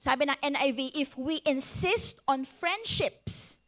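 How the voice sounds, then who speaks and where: A young Filipino woman preaching with a high, bright voice. She is lively and playful, laughing often and calling out to the congregation. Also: slow pace. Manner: animated, playful, laughs often, asks the crowd "Hello?". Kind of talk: Taglish sermon.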